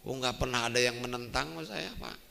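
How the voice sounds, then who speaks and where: An older man preaching a storytelling sermon in a mosque, talking lively and turning to his listeners with "Pak". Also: medium pitch, quick pace, vocal fry. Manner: lively, addresses the men as "Pak". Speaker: Islamic preacher. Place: mosque hall. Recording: long echo of a mosque hall.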